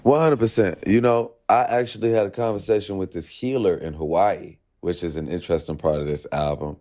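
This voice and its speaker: A man's voice: low-pitched, fairly even intonation, brisk, warm tone. A man, a musician being interviewed, talking things through loosely and reflectively in casual chat. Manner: reflective, loose, says "you know" often. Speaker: guest musician.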